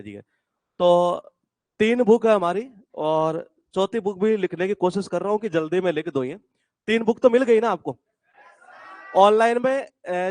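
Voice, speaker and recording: A man with a fairly high voice teaches a live English class from a campus classroom, chatting casually with students in the room and viewers online. His sound is dry and close, with little room echo. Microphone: classroom mic and speaker, streamed online.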